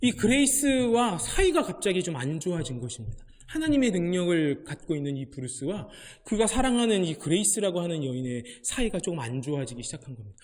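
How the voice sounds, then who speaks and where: A man preaching a sermon in a church, telling a story and acting out the quoted lines with animated delivery. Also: sits high, fairly quick, few pauses. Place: church sanctuary. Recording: long church hall reverb.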